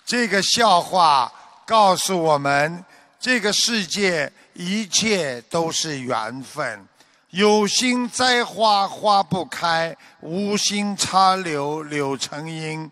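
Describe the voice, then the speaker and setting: High-voiced man preaching slowly. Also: no echo. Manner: measured preaching, animated when telling a joke. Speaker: Buddhist teacher. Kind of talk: dharma talk sermon.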